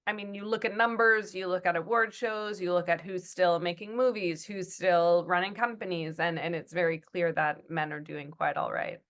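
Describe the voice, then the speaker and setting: A woman with a somewhat low voice speaks as a guest in an interview about her writing work. She thinks aloud, pausing on fillers and restarting sentences. Now and then she acts out what other people say. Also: steady tone, fairly bright tone. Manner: thoughtful, many fillers and restarts, acts out quotes. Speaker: TV writer and producer, guest. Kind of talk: conversational interview.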